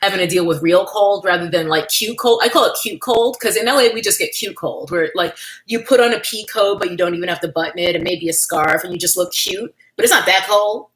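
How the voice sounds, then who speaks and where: This casual New York livestream host talks a little fast in a voice on the low side and a bit bright, captured on a low-quality recording. She chats candidly, reading out comments and thanking viewers by name.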